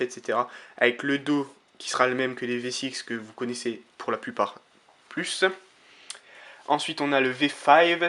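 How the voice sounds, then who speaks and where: A man talks his viewers through an unboxing in a relaxed, chatty way. His voice is bright and forward, and he gushes over each item while pausing often to find his words. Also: medium pitch. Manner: enthusiastic, keeps calling things magnificent, frequent hesitations. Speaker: YouTuber unboxing playing-card decks. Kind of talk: casual unboxing commentary.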